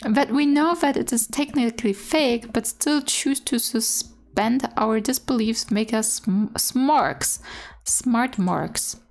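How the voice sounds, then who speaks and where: High-voiced woman reading a game aloud. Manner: stumbles over words while reading, candid asides. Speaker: gaming streamer doing a let's play. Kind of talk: reading game dialogue aloud with casual commentary.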